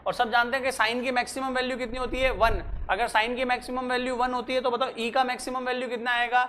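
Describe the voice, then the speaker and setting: Brief: physics tutor, mid-pitched, dictating slowly, repeating lines, faint background hiss. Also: flat delivery, a bit bright. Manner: dictates slowly, repeats phrases, quizzes students. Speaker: physics teacher. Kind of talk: classroom lecture mixing Hindi and English.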